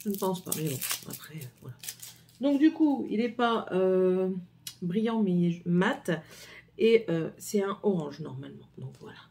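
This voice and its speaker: A woman's voice: lowish voice, animated, measured pace, creaky, warm tone, a little hiss or hum. A middle-aged woman with a French accent, chatting casually through a haul video with many hesitations and repeats. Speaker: vlogger.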